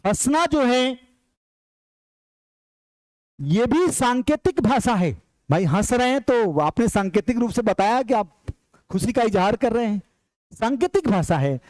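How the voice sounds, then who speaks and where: A man's voice: very high voice, very animated, a little slow, pauses often, darkish tone, no echo, low-quality recording. A man teaching an exam-prep lecture, emphatic and repetitive, calling his viewers brothers as he drills key points. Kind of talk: online lecture.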